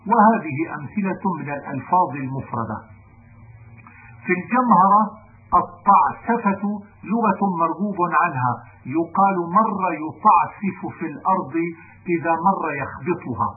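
A man reading a classical grammar text aloud in a measured, deliberate recitation. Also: sits high, lively intonation. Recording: narrow phone-like band with faint noise.

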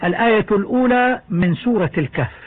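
Brief: male teacher with a high voice, reading a recitation lesson in a measured way, tinny phone-like sound. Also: expressive, breathy edge. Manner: measured, deliberate delivery, slowing to a drawn-out chant for examples. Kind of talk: scripted lesson narration with chanted verse examples.

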